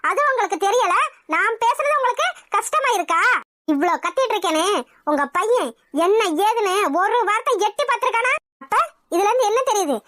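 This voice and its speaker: Very high bright voice, bossy cartoon mom ranting with scorn. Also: female voice, heavily acted. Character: domineering middle-aged mother, proud and scornful. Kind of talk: cartoon voice acting.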